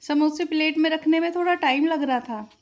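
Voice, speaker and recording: A woman's voice: sits high, brisk, close to an everyday voice. A woman voicing a patient young sister-in-law who talks in a restrained, mildly complaining way.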